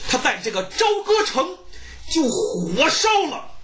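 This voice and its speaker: A woman storyteller performing a pingshu tale with animated, dramatic, punchy phrasing. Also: high voice, measured pace.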